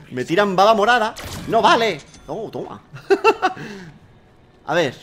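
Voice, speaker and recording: Man, Spain Spanish accent, gaming commentary, excitable, swearing, wildly varied pitch. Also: slow pace, slightly rough. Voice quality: excitable, swearing, sing-song silly outbursts. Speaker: gaming youtuber. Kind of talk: let's play commentary.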